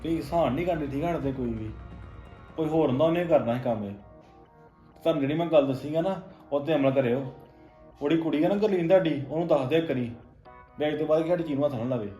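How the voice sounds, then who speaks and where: A young man acting as a bitter stepson, curt and cold, who rattles his words off fast at a mid pitch. The room is echoey with soft music underneath. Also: close to an everyday voice. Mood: cold, resentful. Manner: blunt, curt and dismissive. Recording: roomy room with faint music.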